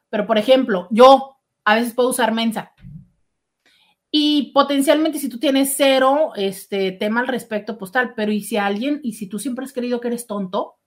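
A middle-aged woman hosting a casual show and chatting animatedly as she reads listener messages. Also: a little high. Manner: chatty, warm, animated with exclamations. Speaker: radio host reading listener messages. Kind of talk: casual call-in show chat.

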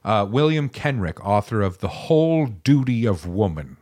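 A man's voice: fairly low pitch, big pitch swings, moderate pace, darkish tone. Joking podcast man reading old quotes. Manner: reads old quotes aloud, jokey, laughs often. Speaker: podcast co-host. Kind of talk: casual comedic chat.

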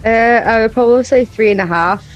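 A woman's voice: fairly high pitch, a little fast, dull audio, soft background music. A woman chatting as a panelist on a casual review podcast.

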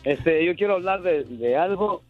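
A man's voice: sits high, lively intonation, normal speed, soft background music. A man from Guerrero, Mexico, calling in to a radio show and recalling his hometown in an easygoing way. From Tierra Caliente, Guerrero, Mexico. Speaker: radio caller. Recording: dull phone line.

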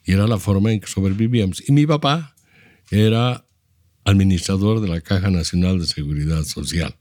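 Deep-voiced older Bolivian man explaining history. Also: a little mellow, dry recording, clean studio sound. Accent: Bolivian Spanish. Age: 70s. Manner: measured, explanatory, lecturing tone. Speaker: interview guest, architect. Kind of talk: reflective storytelling.

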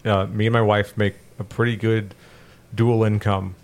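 A man's voice: fairly low pitch, little pitch movement, normal speed, a little mellow. A married man from the United States co-hosting a podcast, talking candidly and poking fun at himself in casual chat. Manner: candid, self-deprecating, laughs often. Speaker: podcast co-host.

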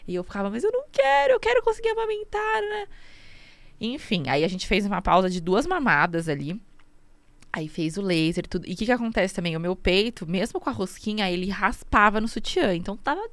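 A woman's voice: medium pitch, brisk, no room sound. Young Brazilian-sounding mother telling her story. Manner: emotional, animated storytelling with quoted inner speech. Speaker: guest, new mother. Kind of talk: casual interview, personal story.

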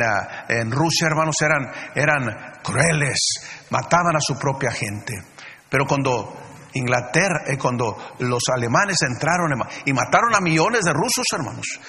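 A man's voice: on the high side, sharp tone. A man preaching a fervent sermon, constantly calling out to the brethren with many fillers and restarts. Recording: long hall reverb.

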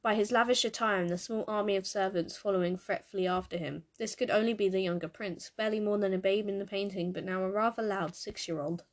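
A woman reading a story aloud with measured, expressive delivery. Her voice sits at an ordinary middle pitch for a woman. She carries the narration steadily from line to line. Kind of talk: fan fiction reading.

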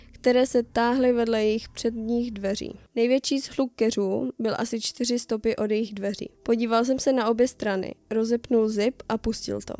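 A woman with a slightly high but mellow voice reads a first-person horror story aloud. Her delivery stays flat and even. The recording is dry and close, with no room sound. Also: dry recording. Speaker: reader of horror stories. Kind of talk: reading a translated internet horror story aloud.

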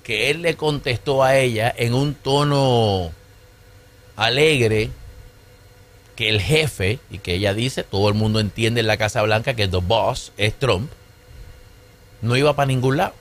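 A man hosts a political podcast. He comments in an animated, casual way, mixing Spanish and English, with a mid-range voice. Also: mid-range voice, normal speed, long pauses, a little hiss or hum. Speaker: podcast host.

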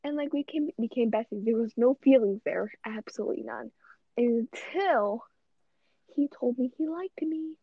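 A woman's voice: fairly high pitch, normal speed, creaky, slightly rough, no room sound, lo-fi sound. A teenage girl telling a school romance story in casual chat, chatty and dramatic. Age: teens.

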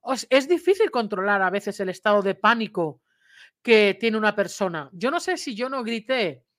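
A woman talks through a video of dogs in a relaxed, chatty tone. She explains each moment step by step and keeps checking in with her listener. Now and then she raises her voice for emphasis. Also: medium pitch, normal speed. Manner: imitates bite sounds and raises voice for emphasis. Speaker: dog trainer commenting on a video. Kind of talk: casual video commentary.

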